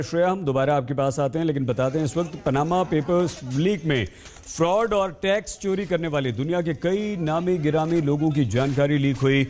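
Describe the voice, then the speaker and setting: A male news anchor presenting a live breaking story in an urgent, insistent way. His voice sits a little high for a man, and he keeps restating the main facts to fill the air. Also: a little mellow. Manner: urgent, repeats key points while filling air time.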